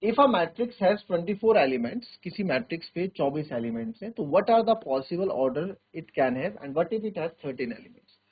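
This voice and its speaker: A man teaching a maths class in Hindi mixed with English, explaining step by step, counting aloud and asking if things are clear. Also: a little high, phone-quality sound. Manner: voices students' doubts himself and answers them. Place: virtual classroom studio.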